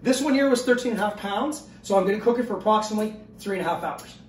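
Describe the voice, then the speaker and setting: A middle-aged man with a fairly high voice talks viewers through a recipe in a relaxed, step-by-step way. He is recorded in an echoey home kitchen. The camera mic sits some distance away from him. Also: rapid-fire, slight background noise. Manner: easygoing step-by-step instructions, often checks in with okay. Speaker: home cooking show host. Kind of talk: casual cooking demonstration.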